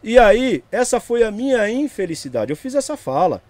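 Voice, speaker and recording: A man's voice: high-pitched, sing-song, normal speed, darkish tone, dry recording. A man, telling his side of a story as a guest in a casual interview, rambling along and checking in with the listener. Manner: rambling, tags lines with "entendeu?" and "meu".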